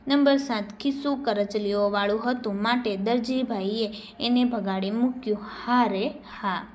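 A woman's voice: fairly high pitch, measured pace, slight background noise. Woman teacher reading workbook answers. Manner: reads dialogue lines with lively, expressive emphasis.

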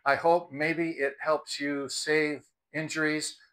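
An American man in his sixties, a video host and product reviewer, speaks to camera from a house's front porch in an earnest, advisory way, explaining things. His voice is fairly high, a bit bright, flat, and slow. He's recorded outdoors on a clip-on lapel mic.

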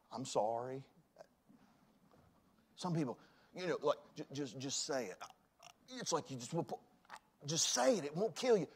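A man's voice: on the high side, breathy edge. Emphatic pastor in his forties. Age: 40s. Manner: emphatic, swings from loud to hushed. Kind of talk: sermon. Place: church sanctuary.

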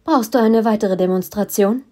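A woman voicing a menacing young man who controls minds, speaking calm, condescending threats in an audiobook. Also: mid-range voice, moderate pace, natural voice. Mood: coolly threatening.

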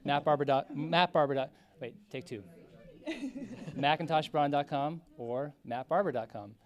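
A man's voice: fairly high pitch, lively intonation, unhurried. Man in his 30s, co-director, casual joking red carpet chat, handheld mic. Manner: chatty, joking, many fillers. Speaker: music video co-director. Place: festival press wall, indoors. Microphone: handheld interviewer mic.

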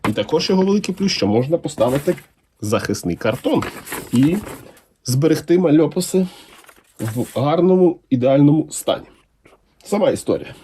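Animated man unboxing comics. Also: fairly high pitch, a little hiss or hum. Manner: enthusiastic, unhurried, lively intonation. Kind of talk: casual unboxing commentary.

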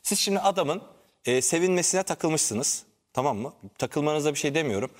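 A man's voice: on the high side, expressive, normal speed, in a large hall. A man on a TV panel show, arguing his point insistently and explaining with examples. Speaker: TV panel commentator. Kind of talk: heated panel debate.

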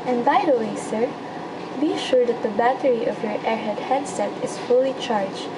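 A woman's voice: on the high side, normal speed, close to an everyday voice. A young woman playing a courteous call center agent, reciting a script. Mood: courteous, instructing. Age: young adult. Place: indoor room. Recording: distant mic, loud background hum.

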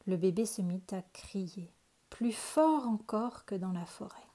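A woman calmly reading a children's picture book aloud. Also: medium pitch. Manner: calm, unhurried storytelling. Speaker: storyteller.

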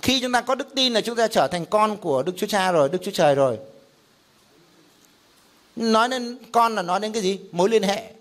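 A man's voice: sits high, lively intonation, a little fast, pauses often, a bit bright. A middle-aged man, a pastor teaching a Bible class in a conversational style, explaining with examples and rhetorical questions.

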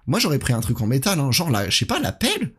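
Lively, husky man streaming a game. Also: mid-range voice, fast talker. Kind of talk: casual horror game commentary, chatting with viewers.

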